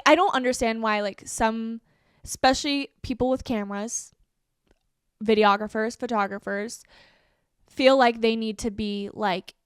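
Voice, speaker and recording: A woman in her twenties hosts a solo podcast in clean studio sound with no echo, her voice on the high side, clear and resonant. She's casual and animated, scattering fillers like "like" and "um" throughout.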